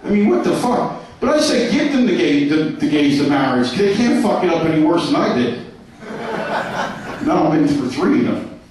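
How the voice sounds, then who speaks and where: A man's voice: a little high, very animated, normal speed, darkish tone, slight background noise. A man doing a crude, brash stand-up set on a comedy club stage. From New York. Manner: crude, brash punchlines to a laughing crowd. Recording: echoey club heard from a distance.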